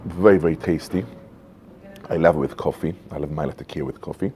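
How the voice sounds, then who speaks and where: A man in his fifties chatting casually to camera outdoors, in an unhurried, musing manner with frequent pauses. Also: rumbling low, dark tone. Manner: unhurried, musing, pausing often. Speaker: pipe tobacco reviewer. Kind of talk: casual vlog chat. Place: covered porch outdoors at night. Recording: noisy home-made outdoor recording.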